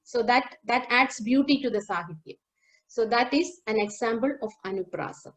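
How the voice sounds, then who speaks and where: A woman giving a lecture demonstration over a video call, explaining song lyrics line by line and singing a few verses slowly. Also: fairly high pitch, low-quality recording. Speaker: lecturer on Carnatic music. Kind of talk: lecture demonstration with sung lines.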